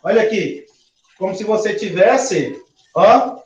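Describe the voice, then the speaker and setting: Male chemistry teacher, high voice, unhurried delivery; questions the class, drags out each syllable; roomy, dull-sounding classroom recording. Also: lively intonation. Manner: slow, spelling out syllables and counting aloud. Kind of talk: classroom lecture.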